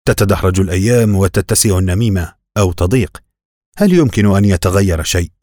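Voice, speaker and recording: A man narrating a novel as an audiobook in a measured, even reading. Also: low voice, dry recording, studio quality.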